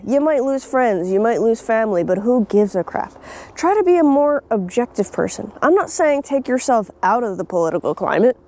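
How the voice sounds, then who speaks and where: A young woman speaks straight into her phone while out in nature, her voice a touch high yet mellow and soft-edged. She talks bluntly, swears without a second thought and laughs now and then. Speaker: vlogger. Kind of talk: casual opinion vlog. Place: outdoors in nature.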